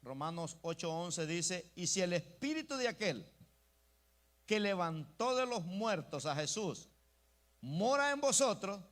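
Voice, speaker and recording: A man's voice: sits high, very animated, unhurried, a bit bright. A male pastor preaching an emphatic sermon, often calling out to the congregation as brothers. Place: church.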